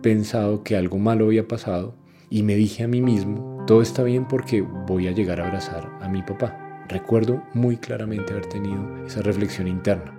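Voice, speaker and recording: A man giving quiet, reflective testimony. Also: fairly low pitch, fairly even intonation, moderate pace. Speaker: interviewee, son recounting. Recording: guitar music behind voice.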